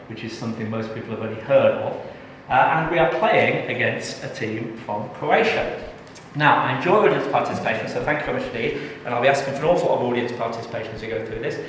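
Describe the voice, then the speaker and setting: Jokey presenter in an echoey hall. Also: male voice, mid-range voice, recorded from a distance, a little hiss or hum. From England. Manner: jokey, chatty, engages the audience. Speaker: tax trainer. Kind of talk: live training presentation. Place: large training room.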